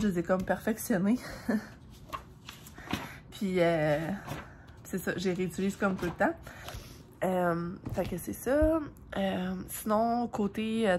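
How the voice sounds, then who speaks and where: A young woman with a Quebec French accent talks to her camera at home in a loose, rambling vlog chat. Her voice sits at an ordinary middle pitch, and she fills the gaps with "euh" and small laughs. A faint hum of background noise runs under her. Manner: chatty and rambling, many fillers and small laughs. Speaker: vlogger.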